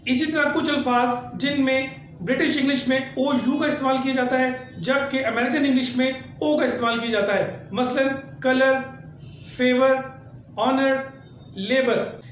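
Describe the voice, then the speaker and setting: A man giving an explanatory lesson, spelling out examples slowly and deliberately. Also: very high voice, steady tone, a bit bright. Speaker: teacher. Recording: very echoey room, faint background noise.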